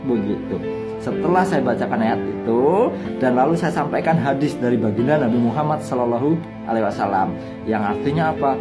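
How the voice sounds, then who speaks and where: A man's voice: mid-range voice, expressive, a little fast. A male Islamic preacher giving a sermon, telling a story and firing rhetorical questions at his listeners. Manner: storytelling, rhetorical questions, addresses the audience directly. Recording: guitar music underneath.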